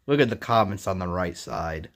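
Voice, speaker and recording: A man's voice: deep voice, lively intonation, moderate pace. A man giving casual reaction commentary in short, repetitive remarks and interjections. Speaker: reaction video host.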